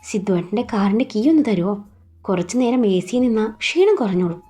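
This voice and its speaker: A woman voicing a quick-witted young woman friend who talks in a breezy, casual way in a read-aloud romance story. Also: medium pitch, expressive, dark tone, soft background music, natural voice.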